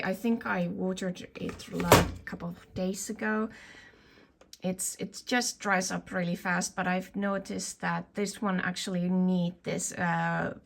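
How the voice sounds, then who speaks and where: A woman talks through her indoor growing space in an easy show-and-tell way. She speaks slowly, with a gravelly edge to her voice. She thinks out loud and stops to correct her own words. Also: medium pitch. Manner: tentative, thinking aloud and correcting herself. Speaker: hobby plant grower showing her collection. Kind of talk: casual show-and-tell video tour.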